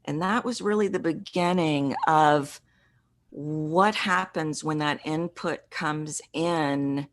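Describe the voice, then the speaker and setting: A middle-aged woman, a voice coach, telling a personal story in an interview in an earnest, reflective way with halting restarts. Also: sits low. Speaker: podcast guest, voice coach.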